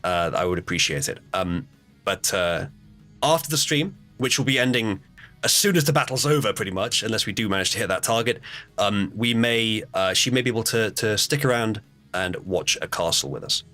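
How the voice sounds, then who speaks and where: A man's voice: lowish voice, animated, moderate pace, pushed and bright, soft background music. A man hosting a live stream, chatting casually with fillers and restarts and reading out game turns.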